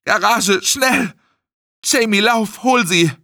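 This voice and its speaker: A man voicing a panicked young man shouting in desperate bursts while trying to revive his friend. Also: sits high, slow pace, dry recording, studio quality, voice pushed up, exaggerated voice.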